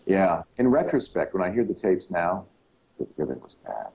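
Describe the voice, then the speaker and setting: A middle-aged man and radio broadcaster in casual chat, telling stories in a relaxed way. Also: moderate pace, creaky, dull audio. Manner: relaxed storyteller, slips into deep announcer voice.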